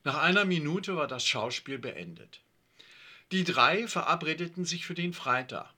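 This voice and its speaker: A man reading a children's story aloud with expressive narration. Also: on the high side, moderate pace, husky.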